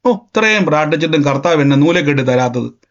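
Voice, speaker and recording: A preacher voicing a mocking, taunting devilish adversary, on a dull lo-fi recording. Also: male voice, on the high side, expressive, fast, pitched below the performer's own voice. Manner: sneering, taunting. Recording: dull lo-fi sound.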